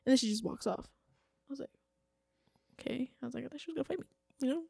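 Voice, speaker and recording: A woman's voice: sits high, fast, gravelly, breathy edge, no echo, studio quality. A woman in her twenties, a podcast guest telling a story in casual chat, acting out the quotes and saying "like" a lot. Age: 20s. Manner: animated, acts out quotes, heavy use of "like".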